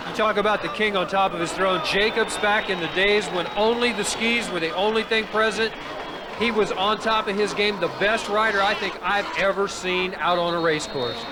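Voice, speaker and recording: Higher-voiced male race commentator on worn tape. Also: steady tone, normal speed. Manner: reflective, admiring analysis between race calls. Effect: hissy worn tape copy. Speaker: color commentator.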